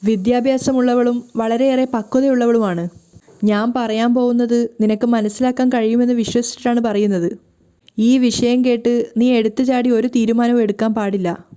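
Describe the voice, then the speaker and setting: A woman voicing a sorrowful middle-aged father who talks slowly, solemnly and carefully. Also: a little high, steady tone, mellow, clean tone, close to an everyday voice.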